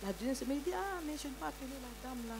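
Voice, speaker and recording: A woman giving a lively church testimony, telling her story with many hallelujahs. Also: sits high, racing, noisy background.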